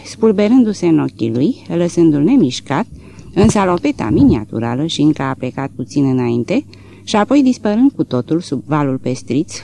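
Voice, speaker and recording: Expressive audiobook narrator, man. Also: on the high side, gravelly, slight background noise. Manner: expressive, rises and falls with the action. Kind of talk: scripted literary narration.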